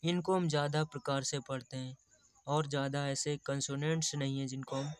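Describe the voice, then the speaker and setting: A man's voice: medium pitch, flat delivery, normal speed, smooth, no room sound. A man teaching English pronunciation, explaining patiently and repeating example words.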